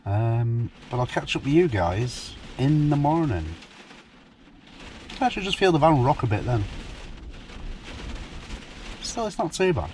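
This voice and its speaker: An easygoing British man talks to his viewers from inside a parked camper van. His voice sits at a medium pitch, with casual, informal phrasing. Faint noise of rain on the roof runs behind him. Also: very animated, a little slow, long pauses, darkish tone. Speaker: vlogger. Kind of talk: casual chat to camera. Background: rain on the van roof, background noise.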